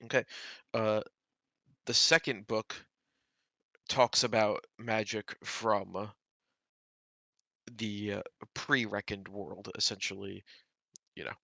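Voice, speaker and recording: Bright-voiced male game master, rambling. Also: lowish voice, level tone, takes it slowly, vocal fry, pauses often, no room sound. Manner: rambling, filler-heavy explanations. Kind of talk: narrating a tabletop game.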